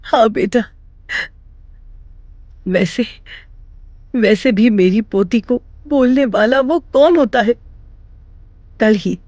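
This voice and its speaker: A woman's voice: a little high, takes it slowly, pauses often, darkish tone, dry recording, lo-fi sound. An actress playing a lonely, emotional older grandmother who pleads with her family to stay. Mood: pleading. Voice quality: tearful, pleading.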